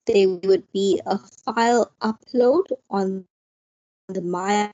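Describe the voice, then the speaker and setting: A woman's voice: medium pitch, slow, dark tone, no echo, muffled recording. A woman student asking a polite, careful question in an online class, her voice breaking up over a bad call connection.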